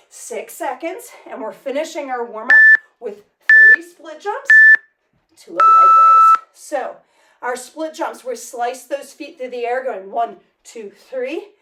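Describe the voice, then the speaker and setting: A woman fitness instructor cueing a workout class energetically while exercising, counting out reps. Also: on the high side. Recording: echoey room, mic at a distance.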